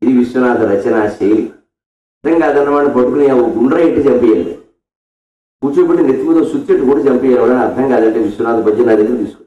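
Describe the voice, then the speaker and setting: A man giving a devotional discourse on scripture. He tells the story vividly and breaks into slowly chanted verses. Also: medium pitch. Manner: animated storytelling, mixes explanation with slow chanted verse. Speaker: spiritual discourse speaker. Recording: echoey, distant, dull lo-fi sound.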